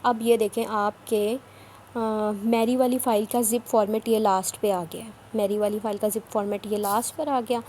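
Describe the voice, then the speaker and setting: A woman talks through a screen-recorded tutorial in a mellow, fairly high voice. She repeats each step patiently but turns a little scolding. Faint hiss sits under the recording. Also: steady tone, normal speed. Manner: repetitive, instructive, a bit scolding. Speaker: online work trainer.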